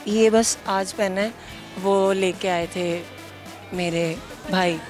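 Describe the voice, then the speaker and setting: A man putting on a young woman's voice while answering street interview questions, speaking softly and shyly with a falsetto. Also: steady tone, slow, soft background music. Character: young woman, chatty and giggly. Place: shopping area.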